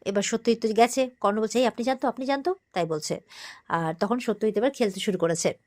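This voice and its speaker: A woman with a Bengali accent narrates a TV serial episode in a relaxed, chatty way. Her voice sits fairly high, and she slips into a livelier tone whenever she quotes the characters. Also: fast talker. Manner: retells scenes, briefly acting out characters' lines in a livelier voice. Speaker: serial recap host. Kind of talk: casual episode recap narration.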